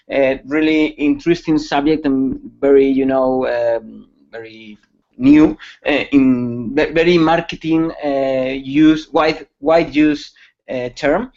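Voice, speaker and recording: A security conference speaker from Spain talks in English with a Spanish accent, his voice fairly high, gravelly and darkish. His webcast presentation is hesitant, with many fillers and restarts, captured by a computer mic on a video call in dull lo-fi audio.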